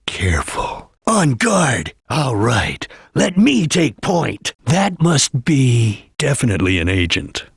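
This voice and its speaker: A stoic ninja chameleon from a video game. The voice is very husky and rough, with a gravelly edge, recorded close and dry. Every line is terse, solemn and guarded, as from someone bound by duty. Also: male voice, medium pitch, wildly swooping pitch, slow pace, hardly any pauses, no room sound, exaggerated voice. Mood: grave, watchful. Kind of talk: scripted video game voice lines.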